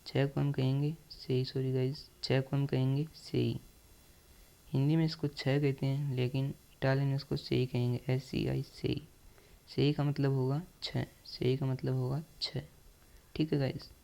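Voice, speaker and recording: Teacher, male: gravelly, dark voice, repeats and spells out each word. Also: medium pitch, level tone, moderate pace. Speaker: language teacher. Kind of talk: slow, repetitive counting lesson.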